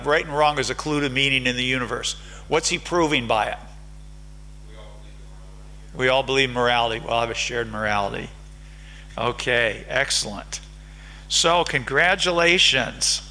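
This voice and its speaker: A man's voice: medium pitch, normal speed, long pauses, sharp tone, poor audio. A man with an American accent giving an academic lecture at a conference, engaging the audience by putting questions to them. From United States. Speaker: conference speaker. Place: lecture hall.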